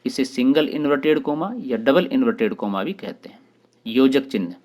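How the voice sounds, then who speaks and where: A man hosting his own channel and teaching a grammar lesson for exam preparation, explaining terms one by one with short pauses. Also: medium pitch, expressive, darkish tone.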